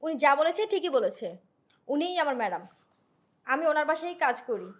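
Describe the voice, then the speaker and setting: An actress playing a loyal housemaid in a melodramatic short film, firm and reproachful. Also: female voice, sits high, big pitch swings, normal speed. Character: loyal, reproachful housemaid defending her madam.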